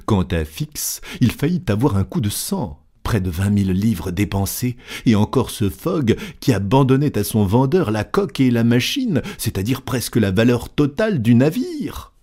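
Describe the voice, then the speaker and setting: A man narrating a classic adventure novel as an audiobook, in a steady, deliberate storytelling manner. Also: medium pitch.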